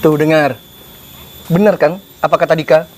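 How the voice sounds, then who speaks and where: A man's voice: on the high side, steady tone, normal speed, a little hiss or hum, lightly acted. An actor playing an arrogant rich father who scolds and scorns a poor young man. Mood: scornful. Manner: contemptuous, scolding.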